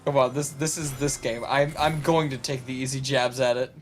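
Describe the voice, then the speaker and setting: A man's voice: medium pitch, fairly even intonation, moderate pace, a little hiss or hum. A man co-hosting a game stream, bantering sarcastically and poking fun at the game. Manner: sarcastic, teasing, jokes at the game's expense.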